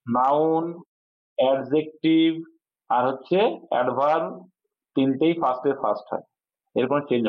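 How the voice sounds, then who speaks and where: A man teaching an exam-prep English grammar lesson. He explains step by step and asks his students questions, then answers them himself. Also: a little high. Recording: tinny phone-like audio.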